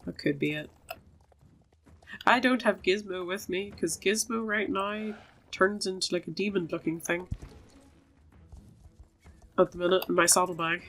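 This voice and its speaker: In a rough recording with game music behind her, a woman with a fairly low, slightly bright voice speaks a little slowly and pauses often. She hosts a gaming video, chatting casually, reading dialogue aloud, and talking to herself and her virtual animals.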